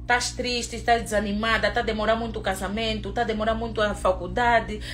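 A woman chatting casually on a livestream, excitable and preachy, swinging from low murmurs to loud encouragement. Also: a little fast, slight background noise. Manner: excitable, switches from murmuring to shouting. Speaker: vlogger.

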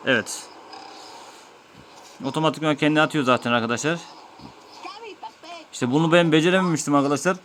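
A man's voice: a little high, steady tone, fairly quick, long pauses, a bit bright, a little hiss or hum. A man giving let's-play commentary, patiently explaining each step of an old game to his viewers. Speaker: gaming YouTuber.

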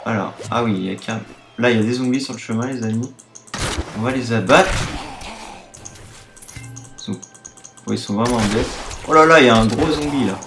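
Excitable teenage gaming commentator. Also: male voice, medium pitch, normal speed, pauses often, echoey room, music in the background. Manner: excitable, exclaims often. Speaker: gaming video host. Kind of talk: casual let's-play commentary.

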